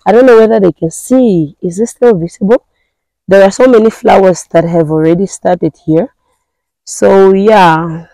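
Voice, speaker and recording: A hoarse woman, chatting with her viewers on a garden tour outdoors, hesitant and full of fillers, filmed on a handheld phone. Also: mid-range voice, moderate pace, mellow, no room sound, low-quality recording. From Namibia. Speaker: gardening vlogger.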